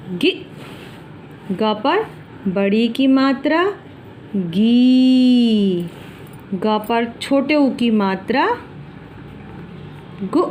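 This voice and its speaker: A woman teacher giving a slow, deliberate alphabet lesson for children, drawing out each syllable for them to repeat. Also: a little high, a little mellow, a little hiss or hum.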